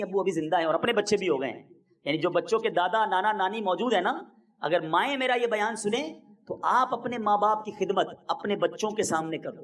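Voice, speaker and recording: A man's voice: high voice, fairly bright tone. A man delivering an impassioned, emphatic sermon as a preacher, his voice rising sharply on key points.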